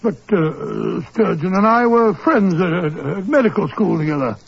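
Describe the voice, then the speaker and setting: An actor playing a blustering, self-assured gentleman doctor with a British accent in a 1940s radio drama. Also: sits high, expressive, moderate pace, gravelly, husky, heavily acted. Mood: flustered, jovial. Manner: pompous, blustering. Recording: dull old 1940s radio recording.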